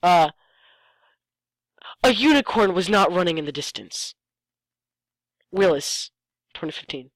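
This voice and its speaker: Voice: mid-range voice, animated, measured pace, pauses often, dry recording, low-quality recording. A host reading fan fiction aloud for comedy, stopping often to mock the writing sarcastically and stumbling over the lines. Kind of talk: comedic dramatic reading with commentary.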